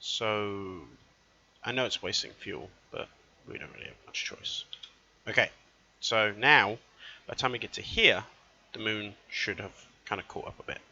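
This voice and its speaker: A man's voice: on the low side, moderate pace, creaky, bright, forceful tone. A man giving casual let's-play commentary, thinking aloud as he plays and often correcting himself mid-sentence. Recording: dull lo-fi recording.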